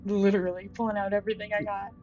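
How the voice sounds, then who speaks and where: A woman's voice: medium pitch, level tone, rapid-fire, a little mellow, muffled recording. A woman talking casually as a tabletop game player, earnest and insistent.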